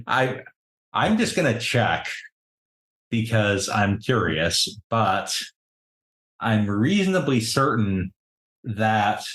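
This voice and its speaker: A man running a tabletop game as game master, narrating in a lively, animated way. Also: fairly low pitch, drawn-out words, pauses often. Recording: roomy echo.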